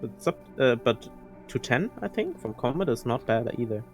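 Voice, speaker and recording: A man's voice: mid-range voice, very animated, faint music behind. A man giving casual live speedrun commentary, often restarting his sentences. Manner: halting, restarts often, laughs easily.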